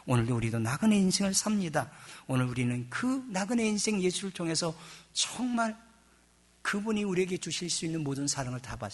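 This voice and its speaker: Animated, bright-voiced male pastor preaching. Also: high-pitched. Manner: animated preaching, swinging between hushed asides and loud emphasis; acts out quoted voices in a chatty, joking tone. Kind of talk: sermon.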